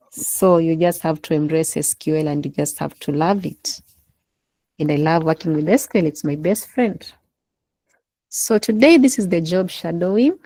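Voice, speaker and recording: A woman's voice: on the low side, warm tone, no echo, low-quality recording. A woman leading an online class session over a laptop call, encouraging her listeners to take part. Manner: encouraging, prompting participation. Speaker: instructor. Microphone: laptop in a video call.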